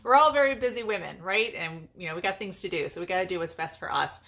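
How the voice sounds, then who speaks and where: A woman's voice: lowish voice, fast talker, a bit bright. A middle-aged woman from California, chatting upbeat and casually to her viewers during a live-stream demonstration in her home garage. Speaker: furniture painter and paint business owner.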